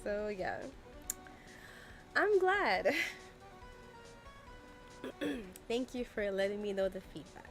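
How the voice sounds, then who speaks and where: A woman's voice: medium pitch, big pitch swings, takes it slowly, vocal fry, pauses often, soft background music. A young woman streaming a game from her room, chatting on a desk microphone in a chatty, exasperated way, full of "like" fillers. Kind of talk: casual livestream chat. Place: room at home.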